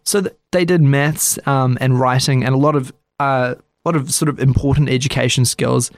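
A man hosts a relaxed history chat, talking loosely and with a dry, sarcastic edge as he plays out the people in the story. His voice has a gravelly fry to it. The recording is dry and close, with no room sound. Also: medium pitch, normal speed, no room sound. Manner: chatty, sarcastic, acts out quotes.

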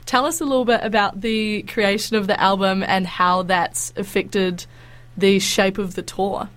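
A woman's voice: medium pitch, fairly even intonation, measured pace. A woman with a stuffy nose from a cold, hosting a radio interview in an effusive, encouraging way. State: has a head cold. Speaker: radio breakfast show host. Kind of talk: friendly live radio interview.

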